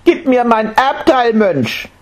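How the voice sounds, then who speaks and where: A man's voice: very high voice, very animated, slow pace, pitched above the performer's own voice, exaggerated voice. A man voicing a stubborn seven-year-old boy who insistently repeats his whiny demand in a storybook reading.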